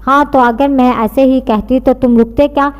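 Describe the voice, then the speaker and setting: A woman's voice: high voice, steady tone, moderate pace, dull audio, lightly acted. A woman reading as a playful, teasing young woman. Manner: teasing, pouting. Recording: long reverb.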